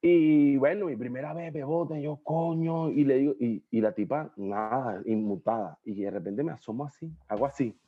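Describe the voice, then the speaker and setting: A man with a Venezuelan accent tells his stories loosely and vividly, slipping into the voices of the people he quotes. His voice sits at an ordinary middle pitch. The audio is slightly dull and lo-fi, like a video call. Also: normal speed, few pauses, breathy edge. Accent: Venezuelan Spanish. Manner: animated, acts out quoted voices, slangy. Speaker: interview guest, actor. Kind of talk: casual storytelling interview.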